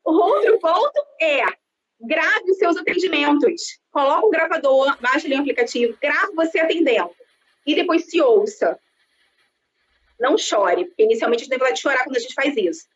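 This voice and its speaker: A high-pitched woman in her thirties with a Brazilian Portuguese accent talks in an expansive, outgoing way, giving sales advice as a guest on a live stream. Her voice comes through a video-call mic, sounding dull and lo-fi with a faint hiss behind it. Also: brisk. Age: 30s. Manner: expansive, lively, self-described outgoing talker. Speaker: sales and marketing consultant. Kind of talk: conversational interview on a live stream.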